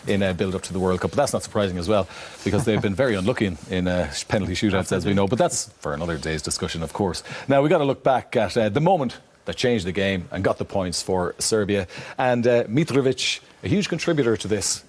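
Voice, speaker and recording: A man presenting football analysis, leading the panel with long questions and quick acknowledgements. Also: fairly low pitch, darkish tone. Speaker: studio presenter.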